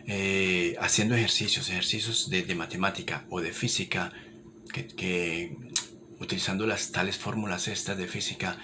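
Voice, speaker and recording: A man, giving an informal language lesson in a repetitive, encouraging way. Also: sits low. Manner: repetitive, encouraging, many restarts. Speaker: English teacher. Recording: noticeable background noise.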